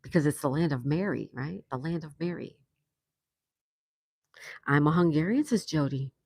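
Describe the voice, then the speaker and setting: An older New York woman hosts a relaxed livestream from an outdoor patio, chatting, laughing often, and reading viewers' messages out loud. Her voice is low and gravelly with a darkish, slightly breathy quality, and her intonation is lively at a normal speed. The audio is clean, studio-like, with no room sound.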